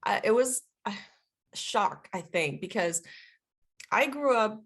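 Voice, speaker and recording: Expressive and husky at medium pitch, a woman talks slowly in an interview where she's the guest. About forty, from Puerto Rico and a native Spanish speaker, she's a veteran and linguist whose reflective, casual talk is heavy with fillers.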